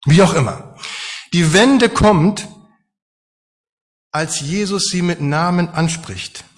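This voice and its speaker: A man's voice: a little high, slow. A man preaching a sermon to his congregation, conversational and emphatic, with rhetorical questions.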